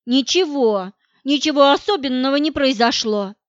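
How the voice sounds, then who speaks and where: A woman's voice: high-pitched, measured pace, no echo. A woman voicing a distraught young woman who cries and snaps back in bursts, in a dull, dry recording. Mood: tearful, angry. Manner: sobbing, shouting in bursts.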